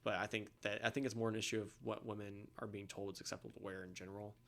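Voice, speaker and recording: A young man talking casually as a podcast guest, opinionated, often trailing off quietly at the end of a point. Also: fairly low pitch, little pitch movement, rapid-fire, creaky.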